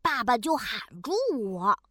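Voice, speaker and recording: A woman plays a cheerful little bear cub in a storybook, high and bright, swooping all over in a sing-song way. He talks slowly and lays on playful sound effects, recorded close and dry. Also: animated, no room sound. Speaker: storybook narrator in character. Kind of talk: children's storybook narration.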